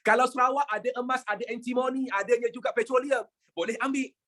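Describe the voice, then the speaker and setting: A history teacher with a Malaysian Malay accent, lecturing a class in a lively way, firing rhetorical questions, joking and dropping in English phrases. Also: medium pitch, fast talker.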